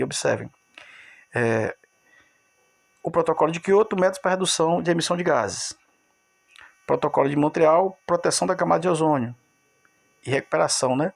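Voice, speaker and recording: A male teacher records a video lesson, walking his students through each point and repeating key words for emphasis. His voice sits slightly high and carries a gravelly, creaky texture. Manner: explains step by step, repeats key words, addresses students directly.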